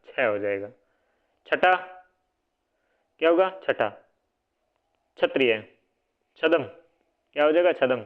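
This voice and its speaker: A man teaching a casual exam-prep spelling lesson, repeating each word and quizzing his listeners, sometimes correcting himself. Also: on the high side. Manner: repeats words, quizzes listeners with "what will it be?"; self-correcting, casual asides. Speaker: Hindi grammar teacher. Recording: phone-like narrow band audio.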